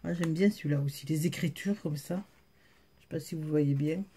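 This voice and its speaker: Low-pitched and dark in tone, this woman's voice moves a little fast over slight background noise. She has a Southern French accent and, as a haul vlogger, chats casually to her viewers about her finds, dropping frequent fillers and speaking right to them.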